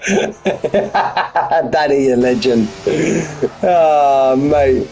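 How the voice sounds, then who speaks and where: A man's voice: mid-range voice, very slow, a little mellow, a little hiss or hum, low-quality recording. A man giving live race commentary on a stream from his front room at home, chatty and full of banter with his viewers. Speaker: sim racing commentator.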